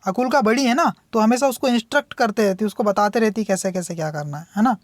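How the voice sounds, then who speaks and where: A young woman teaching English. She reads each story line slowly, then explains it in quick Hindi and keeps checking in with her students. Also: mid-range voice, no room sound. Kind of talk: bilingual lesson explaining a story.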